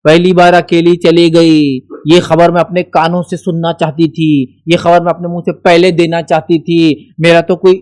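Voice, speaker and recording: A man's voice: on the high side, little pitch movement, moderate pace, darkish tone, no room sound, close to an everyday voice. A man voicing a complaining older mother-in-law who whines about being left out. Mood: self-pitying.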